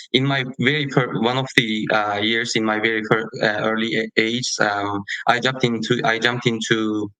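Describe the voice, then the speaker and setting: Man, bright level voice. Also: lowish voice, no room sound, rough recording. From Turkey. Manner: hesitant, many fillers and restarts. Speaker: guest. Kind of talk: podcast interview.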